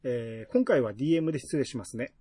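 A man's voice: medium pitch, fast talker, slightly rough, no echo. A man with a Kansai accent, hosting a casual podcast chat and reading listener mail aloud. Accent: Kansai Japanese. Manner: relaxed, musing, reads listener mail. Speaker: podcast host.

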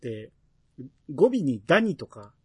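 Husky Kansai man chatting. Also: mid-range voice, unhurried, no echo, studio quality. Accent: Kansai Japanese. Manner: relaxed, musing, reads listener mail. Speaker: podcast host. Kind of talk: casual chat.

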